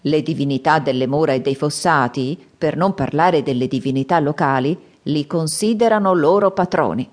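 A woman voicing an old man with a staff who warns and boasts, with high, drawn-out cries. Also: darkish tone, close to an everyday voice. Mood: mocking.

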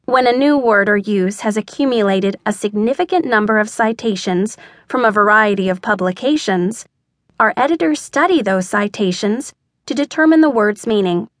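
Woman narrator, mid-pitched, matter-of-fact, dry close sound. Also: no echo. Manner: measured, matter-of-fact reading of a letter. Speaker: audiobook narrator. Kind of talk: scripted narration.

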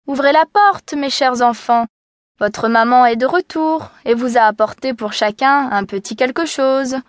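A woman voicing a sly male wolf who fakes a sweet mother's voice, wheedling and a little rough, in a storybook reading. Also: sits high, a little slow, no echo, studio quality. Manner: wheedling and coaxing.

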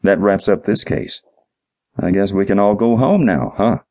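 For a crime audiobook, a man voices a weary, sarcastic police detective who asks questions deliberately and impatiently. His voice is lowish, animated and a little mellow.

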